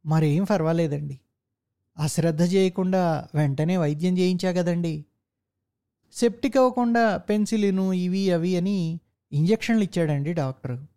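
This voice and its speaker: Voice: medium pitch, moderate pace, long pauses, mellow, clean tone, natural voice. A narrator playing a humble, crafty male office clerk who explains himself politely to his boss. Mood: deferential. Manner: deferential, polite.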